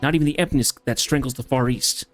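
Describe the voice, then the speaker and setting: A man's voice: mid-range voice, fairly even intonation, quick pace, faint music behind, close to an everyday voice. A man voicing a grave, formal male swordsman in a game story, reading in a declamatory tone. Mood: solemn. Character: solemn male swordsman bearing a sacred blade.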